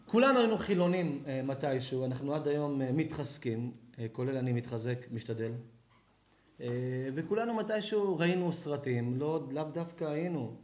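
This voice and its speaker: Male rabbi, high voice, dramatic live sermon, roomy echoey hall. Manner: animated, dramatic, acts out scenes. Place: lecture hall or synagogue.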